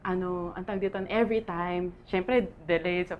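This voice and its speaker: A woman's voice: lowish voice, steady tone, moderate pace, phone-quality sound. Filipino woman telling her story with laughter. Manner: candid, laughs often through painful memories. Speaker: guest sharing testimony. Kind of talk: emotional personal testimony.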